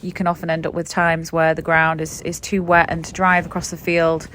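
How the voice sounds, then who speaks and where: A woman farmer giving a clear, matter-of-fact voice-over explanation. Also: low-pitched, completely flat delivery, brisk, fairly bright tone, slight background noise. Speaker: farmer and vlogger. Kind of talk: voice-over narration.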